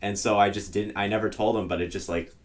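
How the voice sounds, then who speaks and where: A man in casual podcast chat, telling stories in a slow, halting, self-mocking way. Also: on the low side, fairly even intonation. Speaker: podcast co-host. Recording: noisy background with clicks.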